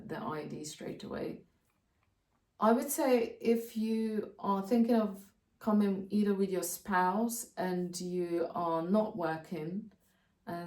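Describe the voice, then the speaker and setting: A woman, calmly explaining practical steps in a casual vlog, often pausing to think. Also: lowish voice, distant mic. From Slovakia. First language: Slovak. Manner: practical, step-by-step explaining with frequent hesitations. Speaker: co-host of a channel about moving abroad. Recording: roomy sound, voice off-mic.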